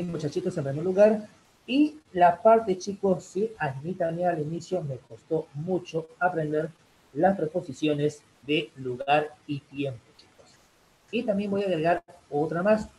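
A fairly high-voiced young man runs a loose, chatty live English class, peppering his talk with "chicos" and "bien". A faint hiss sits under the recording. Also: a little mellow, low-quality recording. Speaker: English teacher.

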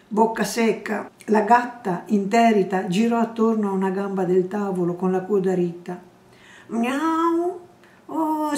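A woman reading a novel aloud in a measured, unhurried way, lingering on each phrase. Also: mid-range voice, warm tone. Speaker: reader. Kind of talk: slow literary reading aloud. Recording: roomy echo, distant mic.

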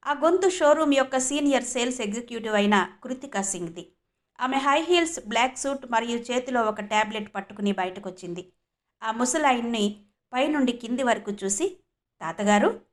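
A woman narrating a scripted story in a plain, steady reading manner. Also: a little high, moderate pace.

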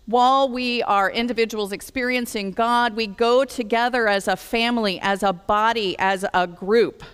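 A woman pastor preaching a sermon to her congregation in a relaxed, conversational way. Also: on the high side, normal speed, smooth. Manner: conversational preaching, relaxed and informal, with small laughs. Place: church sanctuary. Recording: long reverb from a church hall.

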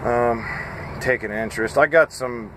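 Parked in his cab, a man in his thirties who drives trucks chats to his phone camera at arm's length, tired and somewhat scattered. His mid-range voice stumbles along with frequent fillers, and background noise is present.

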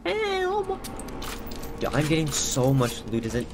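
A young man playing a video game and commenting casually, excitable and profane, trash-talking the enemies. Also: on the high side, unhurried, noisy background. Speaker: gaming YouTuber.

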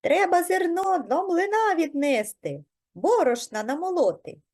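A woman voicing a pair of lazy, playful little mice with squeaky, whiny voices in a children's storybook reading. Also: lively intonation, a little slow, darkish tone, no room sound, clean studio sound. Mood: eager.

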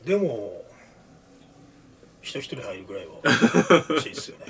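A man's voice: on the low side, big pitch swings, moderate pace, far from the mic, a little hiss or hum. A young man chatting casually over food in a blunt, joking, informal way, recorded by a camera across a kitchen table. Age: young adult. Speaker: cooking show host. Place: small cluttered kitchen, indoors.

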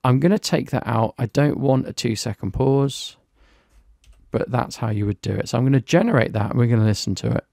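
A man with a gravelly, slightly rough voice walks through a software demo in a relaxed, talky way, narrating each click. The sound is dry and close, with no room echo. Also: mid-range voice, fairly quick. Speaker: software reviewer. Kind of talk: screen-recorded software walkthrough.

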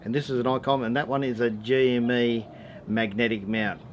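Speaking at normal speed in a medium-pitched, steady voice, an Australian man in his forties offers a matter-of-fact DIY tutorial in a casual, laid-back, slangy style. He hosts a how-to four-wheel-driving channel and is filming outdoors in a driveway and around vehicles. Noticeable ambient noise sits in the background.

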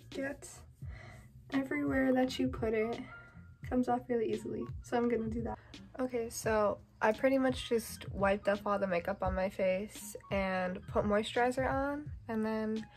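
A teenage girl vlogs casually to her phone camera, held close, in her small bedroom at home, rambling through her day with plenty of "like" fillers. Her voice is fairly high and a little mellow.

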